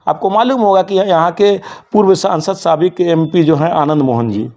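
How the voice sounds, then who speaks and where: A man's voice: high-pitched, moderate pace, darkish tone. Emphatic man exhorting in dull audio. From Bihar, India. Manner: emphatic, exhorting, slips into Urdu vocabulary. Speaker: interview guest, journalist and committee secretary. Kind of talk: earnest interview answers.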